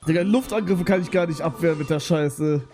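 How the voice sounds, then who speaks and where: A young man with a German accent streaming a game live, swearing and talking excitedly to his chat. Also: a little high, brisk, faint music behind.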